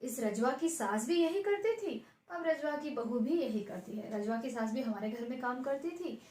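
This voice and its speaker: A woman's voice: high-pitched, lively intonation, normal speed, a little mellow. A woman teacher explaining a Hindi play, rephrasing hard words and mixing in English terms, recorded in a room with an echo. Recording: roomy echo.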